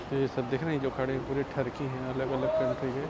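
Man, travel vlogger, handheld camera, outdoor street, loud traffic noise, cheeky banter. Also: mid-range voice, completely flat delivery, quick pace. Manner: crude joking street commentary. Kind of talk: casual walking vlog commentary. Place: busy city street outdoors at night.

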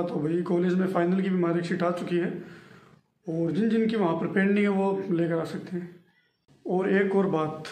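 A man's voice: sits high, a little mellow. A man in his twenties chatting casually to viewers in a vlog, explaining things step by step, recorded on a phone at arm's length in a room at home. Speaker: vlogger. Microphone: phone held at arm's length. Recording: roomy echo from a bare room.

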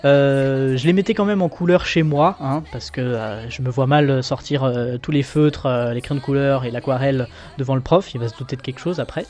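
A young man from France flipping through his sketchbook in a relaxed, self-mocking way, with lots of fillers. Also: mid-range voice, normal speed, hardly any pauses. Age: young adult. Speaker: artist showing his sketchbook. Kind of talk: casual commentary.

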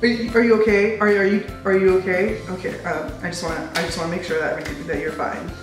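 A woman's voice: on the low side, fairly even intonation, drawn-out words, far from the mic, voice pushed down. A woman voicing an anxious, over-caring male vlogger, hesitant and repetitive. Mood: anxious concern. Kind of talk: vlogger impression. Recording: echoey room, music behind.

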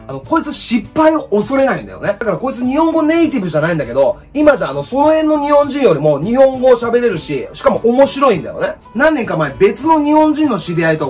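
Brash, lively Japanese man teaching. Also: high voice. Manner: brash, rough-spoken, bossy teacher act. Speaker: comedic English teacher. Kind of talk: comedic lecture to camera.

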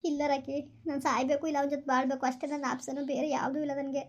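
In a village comedy skit, a woman plays a desperate young woman betrayed by her lover, pleading tearfully and repeating herself over and over. Her voice is high and fairly flat in pitch, and she talks very fast.

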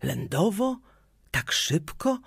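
A man's voice: very animated, slow pace, creaky, fairly bright tone, breathy edge, dry recording, clean studio sound, exaggerated voice. A man voicing a frightened old-time coachman. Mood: puzzled. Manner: exclaiming, raised pitch. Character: frightened middle-aged male coachman, weary.

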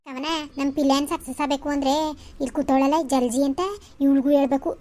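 Cartoon role: a bossy, scheming village auntie, very high-pitched, giving orders. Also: female voice, flat delivery, fast, dark tone. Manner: bossy, coaxing, orders others around. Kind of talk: Kannada cartoon voice acting.

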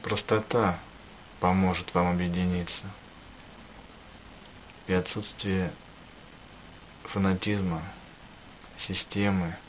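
A man giving a spiritual address to listeners, speaking in measured short phrases with pauses. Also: deep voice, little pitch movement, a little hiss or hum, rough recording. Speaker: spiritual teacher.

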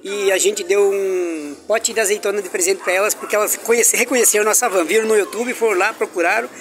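This travel vlogger's voice is high-pitched, steady, brisk, and fairly bright. Walking his camera around an indoor farmers' market, he keeps up a cheerful, chatty vlog conversation with vendors and children, punctuated by religious exclamations.

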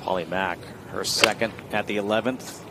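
A man's voice: fairly low pitch, fairly even intonation, moderate pace. A man giving live golf commentary, announcing the play in short, clipped phrases. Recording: outdoor course ambience noise behind voice.

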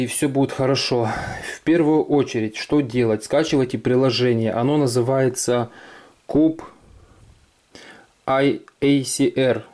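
A man's voice: mid-range voice, dark tone. A man presenting an informal tech tutorial, explaining things step by step. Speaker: tech vlogger. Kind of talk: casual smartphone tutorial. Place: indoors at a desk, hands-on demo.

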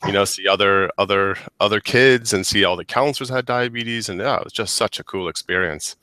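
Speaking fairly quickly in a fairly low voice that sounds pushed and bright, an American man in his thirties is a guest in a casual interview chat. He uses a headset mic on a video call from a small office with a whiteboard, with no echo, and restarts and repeats words often.

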